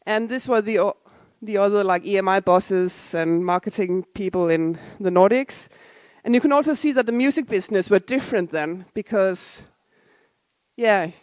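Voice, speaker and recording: Giving a laid-back, self-deprecating conference talk in a conference hall, a woman in her forties who came from Denmark makes asides to the audience. Her medium-pitched voice is a little mellow, at normal speed, with no echo.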